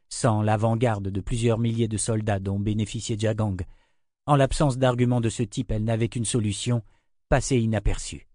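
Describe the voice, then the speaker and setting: A man reading a fantasy audiobook in a measured, steady narration. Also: fairly low pitch, no echo, clean studio sound.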